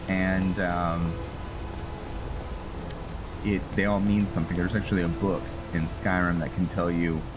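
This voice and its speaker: Game music plays behind a gaming video host giving casual let's-play commentary on a role-playing game. His voice sits low with little pitch movement, a little slow with frequent pauses, as he jokes and thinks aloud.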